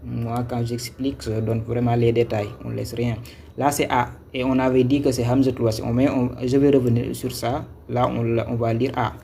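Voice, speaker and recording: A man's voice: mid-range voice, flat delivery, normal speed, creaky, dark tone, slight background noise. A man teaching a live-streamed lesson on Quran reading, patient, repeating each step and checking if viewers follow. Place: Senegal.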